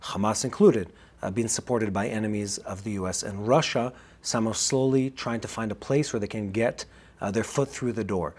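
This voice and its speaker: A man co-hosting a podcast, talking through analysis quickly with frequent fillers and restarts. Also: lowish voice, darkish tone, husky. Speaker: podcast co-host. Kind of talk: casual analytical chat. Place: Israel.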